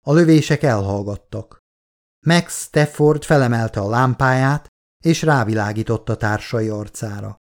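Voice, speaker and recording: A man reading an action novel aloud in a steady, measured storytelling voice. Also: mid-range voice. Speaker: audiobook narrator. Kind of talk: scripted narration.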